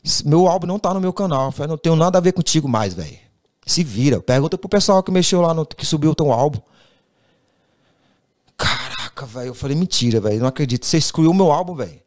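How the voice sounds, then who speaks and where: Fast-talking man telling a story. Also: on the high side. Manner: animated, acts out quoted dialogue, says "velho" constantly. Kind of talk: casual storytelling.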